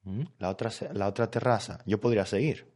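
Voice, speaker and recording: A man's voice: on the low side, steady tone, brisk, a little mellow. A man teaching a live online language lesson, patient and explanatory, who checks often that his students follow. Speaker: Spanish teacher.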